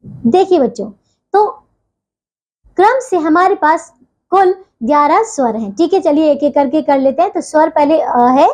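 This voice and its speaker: A woman teacher giving a recorded grammar lesson to children, patiently spelling out sounds and examples and often pausing to reassure them. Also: sits high, lively intonation, darkish tone. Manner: patient, repeats a stock phrase of reassurance.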